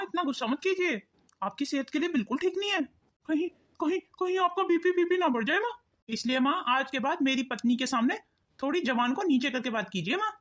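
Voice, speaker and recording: A woman voicing a grown son in a cartoon, coldly firm toward his mother. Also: high-pitched. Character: cold grown son siding with wife. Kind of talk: cartoon voice acting.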